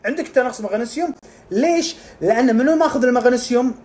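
Fast-talking man. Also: very high-pitched. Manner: animated, acts out scenes with sound effects. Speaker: integrative medicine specialist. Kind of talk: casual health explainer.

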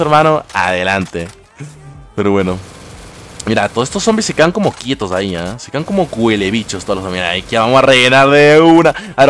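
A man's voice: medium pitch, a bit bright. A young man from Ecuador with an Ecuadorian Spanish accent, casually chatting through live gameplay commentary and answering his chat in slangy talk. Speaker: gaming streamer.

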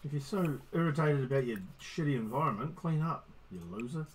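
A man's voice: mid-range voice, expressive, fast talker, soft background music, rough recording. Teasing, foul-mouthed man narrating gameplay. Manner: teasing, swears at the game characters. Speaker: gaming streamer. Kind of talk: casual gameplay commentary.

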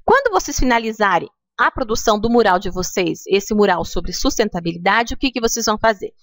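A woman's voice: mid-range voice, lively intonation, a little fast, a bit bright, no room sound. A middle-aged woman with a Brazilian Portuguese accent, guiding teachers through a screen-recorded tutorial step by step and often checking in with her listeners. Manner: patient, explains step by step, checks in with "tá?". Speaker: teacher trainer.

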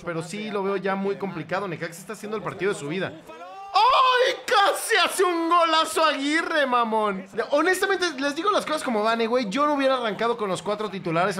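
High bright Mexican man, swearing fan. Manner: profane, excitable, shouts at the screen. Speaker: football fan reaction host. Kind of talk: live match reaction.

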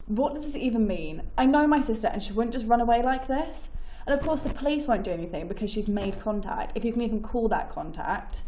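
An anxious actress as a young woman confides to her handheld camera in a found-footage film. Her voice sits fairly high and she speaks emphatically, worried and determined. There is faint noise around her. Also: lively intonation, fairly quick, mellow, close to an everyday voice, low-quality recording. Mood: worried, frustrated. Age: 20s. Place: small room, then outdoors in bare woodland. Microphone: handheld camera at arm's length.

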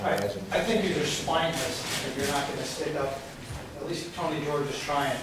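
At a public meeting, a middle-aged man yells at the city council during public comment, frustrated, accusatory and throwing insults. His voice is slightly high with a steady tone at a moderate pace. A handheld camera far back in the audience records him in a large, echoey council chamber with faint noise.

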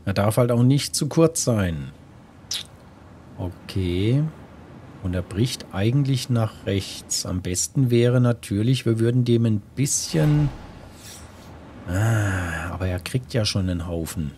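A man's voice: fairly low pitch, lively intonation, takes it slowly, mellow, a little hiss or hum. A man giving casual gameplay commentary, musing and thinking aloud to himself as he plays. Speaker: gamer, let's play host.

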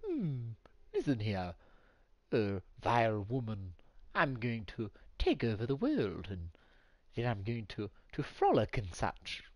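A woman's voice: a bass voice, wildly swooping pitch, slow, darkish tone, dry recording, pitched below the performer's own voice, full character voice. A woman doing an impression of a scheming cartoon baby, with a pompous, plummy manner. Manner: plummy, pompous villain talk.

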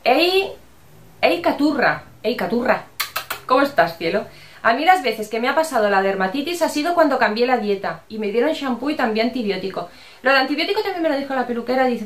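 Chatty middle-aged Spanish woman, echoey room. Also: fairly high pitch. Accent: Spanish from Spain, with Andalusian touches. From Barcelona, Spain. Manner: chatty, affectionate, swears casually. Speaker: vlogger answering viewer comments. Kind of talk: casual chat. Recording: roomy echo.

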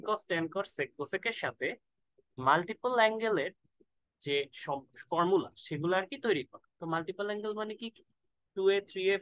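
A man's voice: high-pitched, fairly bright tone, no room sound, low-quality recording. A man tutoring math in a casual lesson, thinking aloud and stretching words out while he works through formulas. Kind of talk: casual lesson, mixing in English.

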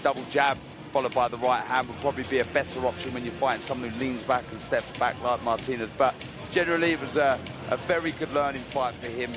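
A man giving conversational expert boxing analysis, repeating phrases for emphasis. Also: mid-range voice. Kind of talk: live expert sports commentary.

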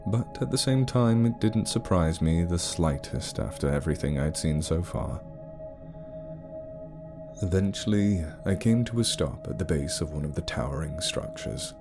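A man narrating a scripted story in a low, measured storytelling voice.

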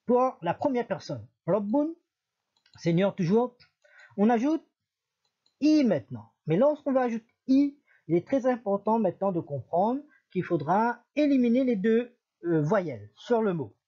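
High, lively male Arabic teacher. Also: a little slow, dull audio. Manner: patient, repeats and self-corrects, spells out each example. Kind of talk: recorded language lesson.

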